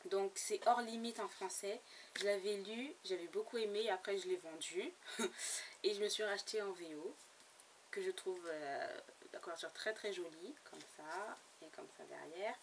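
A woman's voice: medium pitch, moderate pace. A woman chatting casually about books she bought, hesitant and full of fillers and restarts. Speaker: book blogger. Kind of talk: casual book haul vlog. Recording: slightly distant mic with faint background noise.

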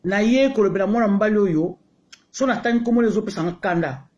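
Greeting his stream's viewers one after another, a Congolese livestream host is heated and repetitive, blending French with Lingala in a casual setting. He speaks fast, with a high-pitched voice and a darkish tone.

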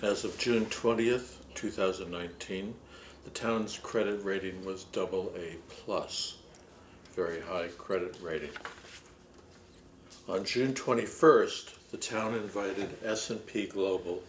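A middle-aged man with a low-pitched voice hosts a public access TV report. He presents formally and plainly, like an official giving prepared information. The room is echoey, with some noise behind him. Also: takes it slowly. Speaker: town administrator hosting a public access TV report. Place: indoor wood-paneled meeting room, seated at a table. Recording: roomy echo with clear background noise.

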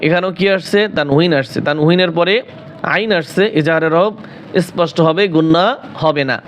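A man teaching Quran recitation, spelling out words and asking questions he answers himself, then chanting drawn-out melodic readings. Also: on the high side, slight background noise. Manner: drawn-out melodic recitation between quick explanations.

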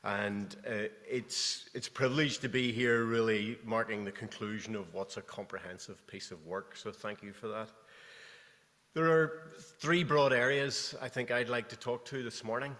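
A man's voice: mid-range voice, steady tone, normal speed, fairly bright tone. A middle-aged man giving a prepared, earnest keynote speech at a lectern. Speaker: keynote speaker, commissioner. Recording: long hall reverb.

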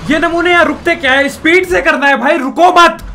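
A young man commentating his own gameplay, exasperated and pleading, often yelling at other players. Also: very high-pitched, fairly even intonation, fairly quick, slight background noise. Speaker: gaming YouTuber.

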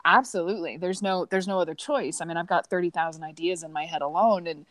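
A woman artist chatting casually about her work, telling stories with lively, high-pitched jumps when she quotes people. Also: quick pace, no echo. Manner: animated storyteller, rises high when quoting people. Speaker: artist, co-host. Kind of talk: casual chat.

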